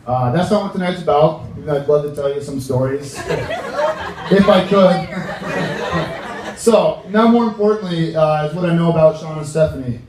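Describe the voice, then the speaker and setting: A young American man delivers a casual best man's toast in a slightly high voice, halting and joking as he goes. He is heard at a distance in a heavily echoing room, with a clearly audible crowd around him. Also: lively intonation. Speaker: best man giving a wedding speech. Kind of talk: informal wedding toast. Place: large reverberant room with a reacting crowd. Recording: echoey room, distant mic, audience noise.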